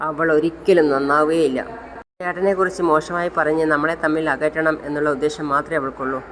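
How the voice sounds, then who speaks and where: A devoted young wife speaking through tears, pleading and emotional, as the narrator reads her lines. She talks slowly, at an ordinary mid pitch, with the narrator's own voice under her. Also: slight background noise, natural voice, poor audio.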